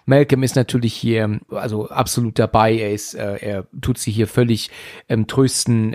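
A man's voice: mid-range voice, a little mellow. A man casually retelling a film's plot, talking loosely with many fillers and restarts. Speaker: podcast host recapping a film. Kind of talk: casual film discussion.

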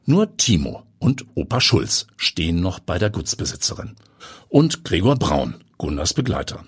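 A man narrating a crime story aloud in a lively storytelling manner. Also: deep voice, moderate pace, breathy edge, no echo, studio quality. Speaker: audiobook narrator. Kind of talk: scripted narration.

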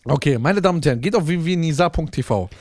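A man's voice: a little high, lively intonation, rapid-fire, a little mellow, no echo, clean studio sound. A man co-hosting a casual chat podcast, teasing his partner in playful banter. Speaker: podcast co-host.

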